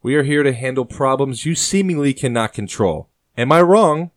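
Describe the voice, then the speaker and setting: A man's voice: mid-range voice, animated, normal speed, no room sound, voice pushed up, close to an everyday voice. A man voicing a fierce, smug middle-aged major general who barks orders at his soldiers. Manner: commanding, barking orders.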